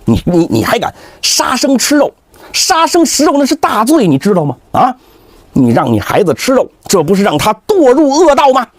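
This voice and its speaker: A man's voice: very high-pitched, huge pitch swings, normal speed, dry recording, voice pushed up, full character voice. A man voicing a bullying gate guard who lectures a poor father with religious rules, in a scolding, self-righteous tone. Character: bullying gate thug preaching Buddhist rules.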